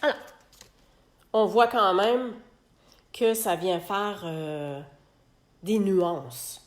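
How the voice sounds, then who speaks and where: Slow-talking Québécois woman demonstrating crafts. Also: medium pitch, reverberant. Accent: Québécois French. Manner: chatty, talks to herself while working. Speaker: host of a live card-making demonstration. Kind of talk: live crafting tutorial. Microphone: phone held in a clamp.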